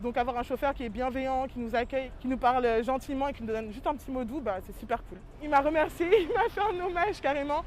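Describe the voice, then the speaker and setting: A woman's voice: sits high, fast talker, few pauses, darkish tone, slight background noise. A woman, a regular metro commuter, giving a casual interview in an enthusiastic, colloquial way.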